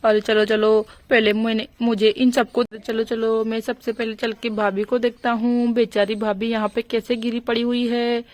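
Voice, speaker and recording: A woman voicing a village husband and father in a doll storybook, speaking in a lowered voice with a fussing, boastful manner. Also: level tone, moderate pace, hardly any pauses, a little mellow, close to an everyday voice.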